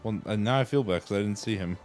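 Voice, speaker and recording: A man's voice: on the low side, fast talker, darkish tone, soft background music. A man chatting casually while playing a game with his brother, giggly and offhand. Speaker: let's play host, brother. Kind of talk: casual gaming chat.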